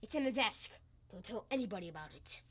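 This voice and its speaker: A young actress in a school radio play voicing a boastful, excitable husband who bickers and brags loudly. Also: female voice, mid-range voice, background noise, lightly acted. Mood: scheming. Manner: loud, exclamatory, quick to boast and bicker. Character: blustering boastful husband, excitable get-rich schemer. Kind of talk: old-time radio comedy acting.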